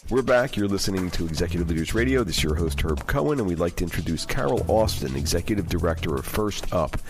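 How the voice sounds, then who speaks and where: Radio host, male, very low and animated delivery, probing, stumbles into his questions. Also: over music. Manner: probing, with halting restarts. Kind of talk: radio interview.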